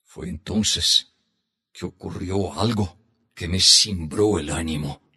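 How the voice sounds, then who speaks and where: A man reading the part of an old grandfather telling his grandchildren a hunting tale, in a slow, heartfelt storybook manner. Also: deep voice, pushed and bright, husky, voice pushed down, exaggerated voice. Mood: reminiscing.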